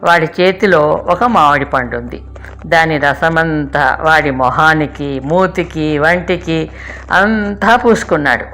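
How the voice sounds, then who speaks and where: An older woman reading her childhood memories aloud in a calm, measured way. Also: deep voice. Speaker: storyteller. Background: faint music.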